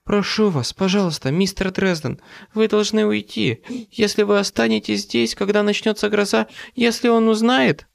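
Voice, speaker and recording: A woman's voice: low voice, measured pace, warm tone, voice pushed up. A man voicing a frightened, desperate mother who pleads tearfully. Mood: pleading.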